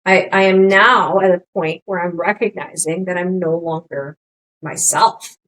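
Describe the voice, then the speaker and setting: A middle-aged woman co-hosting a podcast, talking candidly in casual chat, rambling with many restarts and animated quotes of her own thoughts. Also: fairly low pitch, a little slow, rough recording. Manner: rambling, restarts often, animated quoting of herself. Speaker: podcast co-host.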